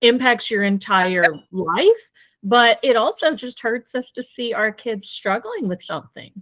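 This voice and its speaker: A woman's voice: fairly high pitch, lively intonation, unhurried, fairly bright tone, dry recording, dull audio. A woman hosting a podcast, asking questions in an easy conversational way. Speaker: podcast host. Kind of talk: casual podcast interview.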